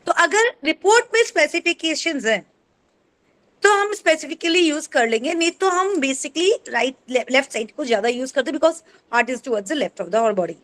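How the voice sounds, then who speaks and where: A woman's voice: sits high, lively intonation, moderate pace, fairly bright tone. A woman co-presenting an acupressure class over a video call, explaining step by step in a teaching tone. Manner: explains step by step, checks with "ठीक है?". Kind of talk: explanatory teaching, mixing in English.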